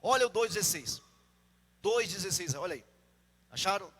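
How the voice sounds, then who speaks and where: High-voiced pastor preaching with zeal. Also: male voice, normal speed, slightly rough, long reverb tail. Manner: animated, questioning the congregation. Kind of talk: sermon.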